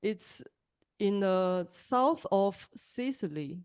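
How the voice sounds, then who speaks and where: Woman from Taiwan, Taiwanese accent, second-language English, hesitant, slow and smooth, video call. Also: medium pitch, animated, darkish tone. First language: Mandarin. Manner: hesitant, with pauses and restarts. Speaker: language teacher and podcaster. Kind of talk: online group introductions.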